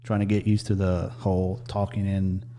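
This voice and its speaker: A man hosting a casual podcast interview, talking haltingly with many restarts and "and stuff" fillers. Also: deep voice, completely flat delivery, dark tone, slight background noise. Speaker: podcast host. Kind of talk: casual nervous interview chat. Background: faint crowd chatter.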